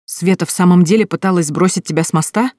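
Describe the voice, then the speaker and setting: A woman's voice: lowish voice, quick pace, a little mellow, no room sound, studio quality, lightly acted. A woman voicing a desperate grown man in an audiobook, pleading urgently.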